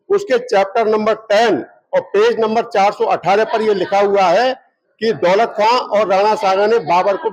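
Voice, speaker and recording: A local party leader gives reporters a press statement, arguing his point and citing page numbers from a book as proof. His voice sits high and a little mellow, and the audio is dull.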